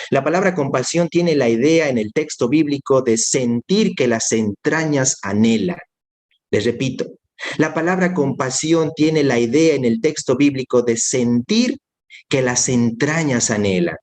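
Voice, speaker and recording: Preaching in earnest, a man with a mid-range, somewhat dark voice keeps circling back to key phrases. He talks directly to his listener, calling him brother.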